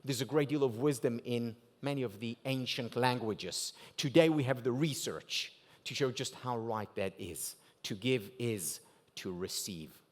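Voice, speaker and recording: This man, an Israeli-accented native Hebrew speaker, speaks at an unhurried pace in a medium-pitched voice during a motivational keynote at a gala dinner. Standing in a banquet hall, he poses rhetorical questions and emphasizes key words through pronounced rises and drops.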